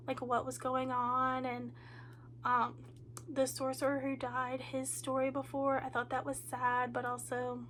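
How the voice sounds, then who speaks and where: A booktuber whose voice sits high and a bit bright sounds congested and nasal from a cold, tired and low on energy. She chats loosely in a reading update vlog, filling it with ums and likes. There's slight background noise.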